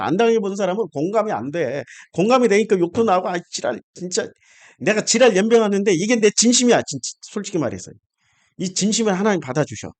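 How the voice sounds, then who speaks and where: A middle-aged man preaching a sermon in a blunt, emotional way, firing rhetorical questions at his listeners and cursing when he gets heated. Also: high-pitched. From South Korea. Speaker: pastor.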